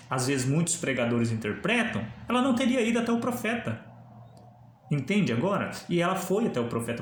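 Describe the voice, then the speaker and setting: A man's voice: medium pitch, roomy sound. A man teaching a Bible lesson, explaining the text and asking the viewer questions. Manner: explanatory, asks the viewer questions, acts out quoted dialogue. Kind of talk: theology lesson to camera.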